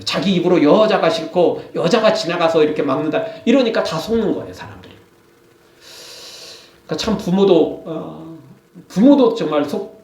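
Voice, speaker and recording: A male pastor preaching a sermon, animated, acting out scolding quotes. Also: fairly high pitch, echoey room, distant mic. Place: church.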